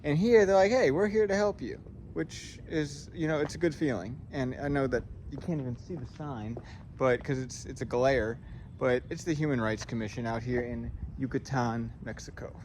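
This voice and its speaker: A man's voice: medium pitch, normal speed, darkish tone, a little hiss or hum. Upset man vlogging outdoors on the street. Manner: upset, rambling and repetitive. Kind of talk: casual selfie vlog. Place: outdoors in a city square.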